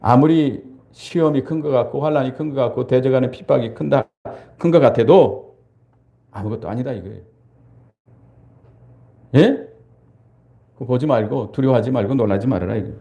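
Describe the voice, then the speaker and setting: A man's voice: mid-range voice, moderate pace, pauses often, dark tone, dull audio. An older man, a pastor, preaching a sermon, asking the congregation questions and answering them himself, sometimes acting out frightened crowds in a raised voice.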